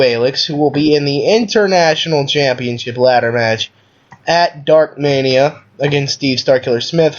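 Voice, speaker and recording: A man hosting a casual online radio chat over a video call, rambling and animated as he asks questions. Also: a little high. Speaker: host. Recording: lo-fi call audio.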